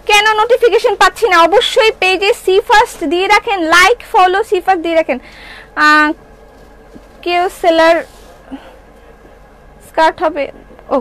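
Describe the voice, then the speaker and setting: A woman's voice: extremely high pitch, a bit bright, slight background noise, low-quality recording. A middle-aged woman with a Bangladeshi Bengali accent selling clothes on a live stream, chatting and answering viewer comments. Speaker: online shop seller. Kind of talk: live-stream product sale.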